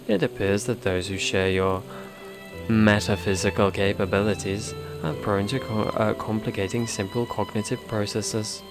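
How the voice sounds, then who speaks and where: A stiff machine intelligence, read aloud by a man in a low voice, every phrase clipped and exact. It sounds literal-minded and formal. Loud game music plays underneath. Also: close to an everyday voice. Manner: stiff, clipped, precise wording. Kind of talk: reading game dialogue aloud.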